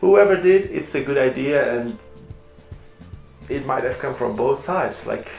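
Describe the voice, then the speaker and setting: Chatty man with a gravelly voice. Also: medium pitch, expressive, measured pace, darkish tone. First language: Portuguese. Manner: chatty, enthusiastic, self-correcting. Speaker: skate reviewer. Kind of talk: casual unboxing review. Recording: echoey room with faint music.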